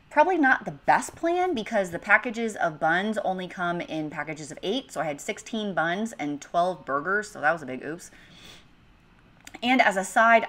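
Thirties, American home-cook host, chatty and upbeat, slightly low voice, casual kitchen voice-over. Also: female voice, fairly bright tone. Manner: chatty, upbeat, conversational asides. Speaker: cooking channel host.

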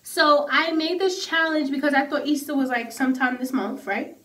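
A woman, chatting and joking to camera in an animated way, often repeating phrases. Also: sits high, moderate pace. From the Bronx, New York. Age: 20s. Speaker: vlog host. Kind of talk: casual joking chat to camera. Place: small indoor room at home, camera a little away. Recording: slightly noisy, distant home recording.

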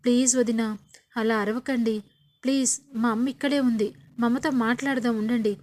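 A woman's voice: a little high, steady tone, moderate pace, darkish tone, natural voice. A woman reading as a tearful young wife, self-pitying. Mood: pleading.

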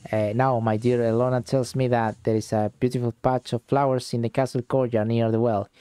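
A man's voice: medium pitch, little pitch movement, brisk, mellow, clean tone, natural voice. A man reading as a pompous spoiled boy duke. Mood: haughty. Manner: pompous, commanding, insulting. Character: arrogant spoiled boy duke, haughty and scornful. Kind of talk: reading game dialogue aloud.

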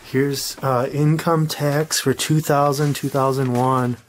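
A man wanders an abandoned trailer home, pointing out leftover things in an unhurried, offhand way. His voice sits at a middle pitch and comes through a handheld camera. The recording carries a steady layer of noise. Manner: slow, offhand remarks on found items. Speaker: urban explorer. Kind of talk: casual exploring commentary. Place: abandoned trailer homes, indoors. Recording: noisy handheld camera audio.

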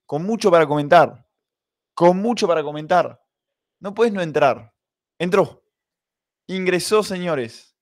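A man's voice: sits high, animated, measured pace, pauses often. A young Argentine man hosting a live football reaction stream, chatting and reading the chat aloud. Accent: Argentine Spanish. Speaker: streamer and host.

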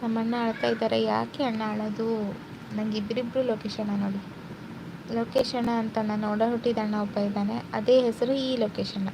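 A woman's voice: a little high, little pitch movement, a little fast, gravelly. A young woman hosting a casual live stream, reading out viewer comments and chatting with them. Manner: chatty, warm greetings to viewers, mixes English words. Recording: noisy phone live stream.

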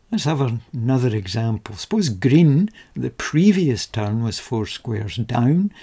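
A man calmly narrating a voice-over that explains a pencil-and-paper game's rules step by step, measured and methodical with dry understatement. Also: mid-range voice, husky.

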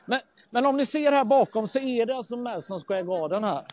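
A high-voiced man phones in a live report from outdoors on a busy city street. He talks in a loose, halting way, filling gaps with plenty of ums and ehs. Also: expressive, darkish tone. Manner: halting, many fillers.

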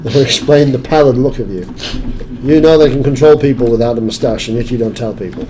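A man's voice: mid-range voice, brisk. Guy gaming and joking around crudely, rambly, noisy home mic. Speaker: let's play gamer. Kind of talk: crude improvised banter over gameplay. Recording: home recording with clear background noise.

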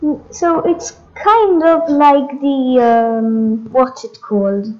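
A gaming host with a high, slow, slightly mellow voice casually walks through game updates, hesitating and thinking aloud. The lo-fi microphone sounds dull.

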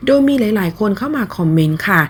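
A woman's voice: lowish voice, fast talker, slightly rough. Woman reading online news politely. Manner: polite, steady read-aloud delivery with soft sentence-final particles. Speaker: news narrator. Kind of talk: scripted online news narration.

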